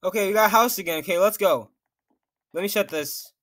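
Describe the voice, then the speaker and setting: Young man, high voice, nervous gameplay commentary, talks to himself. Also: fairly quick, a bit bright, a little hiss or hum. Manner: jittery, nervous, talks to himself while playing. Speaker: gaming YouTuber.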